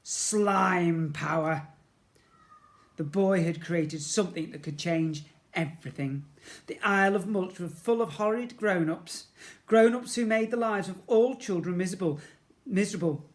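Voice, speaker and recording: A high-pitched man, a primary school teacher, reads a children's storybook to kids at an unhurried pace. He makes it playful and dramatic, performing sound effects and leaning hard on repeated words.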